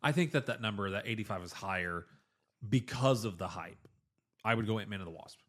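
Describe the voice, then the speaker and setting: A man chatting casually about films, animated, with his pitch swooping as he makes his points. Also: brisk. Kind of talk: casual film chat.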